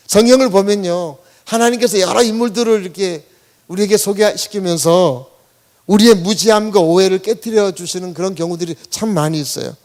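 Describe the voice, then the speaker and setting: A man's voice: sits high, darkish tone. A man, the senior pastor, preaching a Sunday sermon in a church, talking conversationally and often asking the congregation questions. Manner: conversational preaching, asks the congregation questions, leads them in reading aloud. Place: church sanctuary.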